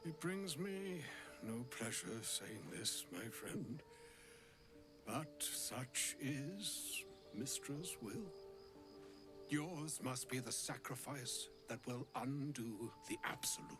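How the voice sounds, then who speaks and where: An actor playing a grave old wizard in a fantasy game, speaking in solemn, theatrical, archaic phrases. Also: male voice, mid-range voice, lively intonation, takes it slowly. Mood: regretful, solemn. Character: grave, ornate-tongued old male wizard bearing a divine charge. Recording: music bed under the voice.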